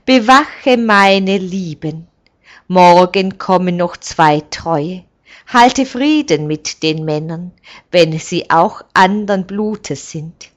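A woman voicing an old male village elder who speaks in a firm, measured and kindly commanding way. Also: lowish voice, expressive. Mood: warm.

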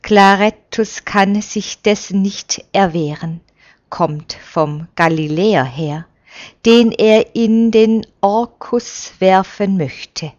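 A woman reading a story aloud in a slow, solemn way. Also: mid-range voice, darkish tone, dull audio. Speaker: narrator. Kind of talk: reading aloud a religious novel.

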